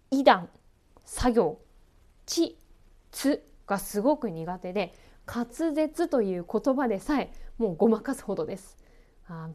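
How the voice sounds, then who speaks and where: A woman announcer hosting her own podcast, chatting in a relaxed way, laughing often and poking fun at herself. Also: medium pitch. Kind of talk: relaxed solo podcast chat.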